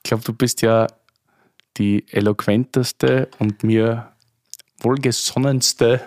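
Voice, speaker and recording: A man's voice: medium pitch, steady tone, slow, darkish tone. A man hosting a wine podcast, chatting casually and heaping praise on his guest. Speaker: podcast host. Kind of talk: casual chat.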